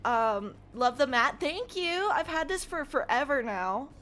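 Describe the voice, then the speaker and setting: Playful, excitable gamer girl, high bright voice. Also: unhurried. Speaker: livestreamer, host. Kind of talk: casual chat with livestream viewers.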